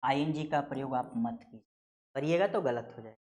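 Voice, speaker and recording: A man giving a grammar lesson, explaining slowly, repeating key words and reading out example sentences word by word. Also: medium pitch, darkish tone. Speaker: grammar teacher. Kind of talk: classroom lecture.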